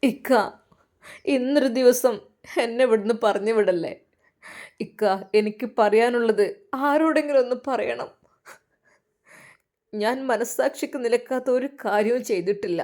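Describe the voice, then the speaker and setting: A woman voicing a desperate young man who begs tearfully and softly in a storybook tale. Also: fairly high pitch, unhurried, long pauses, lightly acted. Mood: tearful pleading. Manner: soft, tearful begging.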